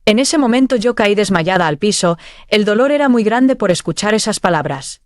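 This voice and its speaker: A woman's voice: medium pitch, lively intonation, moderate pace, no echo, studio quality. A woman telling of a dream vision at church, earnest and heartfelt. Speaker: church member giving testimony.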